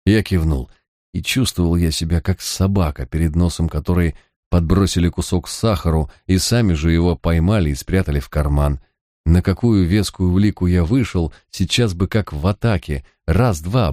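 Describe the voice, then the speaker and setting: A man with a deep, low voice reads a first-person novel. His delivery is measured and even. The recording is dry and close to the mic. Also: no room sound. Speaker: audiobook narrator.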